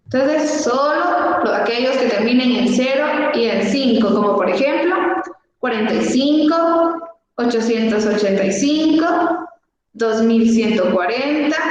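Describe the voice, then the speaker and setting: A woman teaching a math lesson online, speaking slowly and patiently and counting out examples step by step, heard through a low-quality video call stream. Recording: dull, echoey, noisy video call audio.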